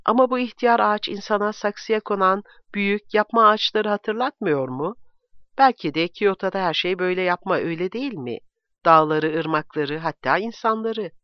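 Guy reading as a sensitive young girl, pitched way up and kinda loud, eager, dull dry recording. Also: normal speed, smooth, no room sound, natural voice. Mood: earnest wondering. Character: young woman, thoughtful daughter, earnest and sensitive.

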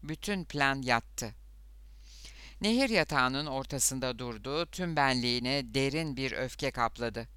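A man narrating a novel as an audiobook, steady and measured, on a close studio mic. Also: medium pitch, clean tone, no room sound. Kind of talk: scripted narration.

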